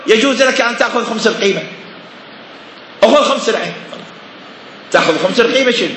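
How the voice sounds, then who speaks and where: A man's voice: high-pitched, lively intonation, fast, fairly bright tone, echoey room, in a large hall, slight background noise. A man giving a seminary lecture on religious law, emphatic and full of rhetorical questions.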